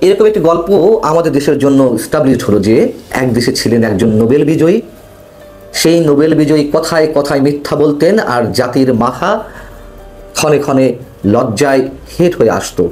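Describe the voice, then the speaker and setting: A man giving an indignant political commentary, emphatic and rising in pitch on stressed words. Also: darkish tone, soft background music. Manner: indignant, emphatic, lists names rapidly. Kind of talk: opinion commentary.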